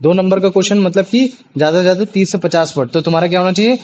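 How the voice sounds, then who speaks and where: A man's voice: high-pitched, very fast, a little mellow. A young man tutoring a class over a video call, chatty and checking often that students follow. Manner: chatty, repeats checking questions. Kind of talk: online class teaching. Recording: dull lo-fi online call audio.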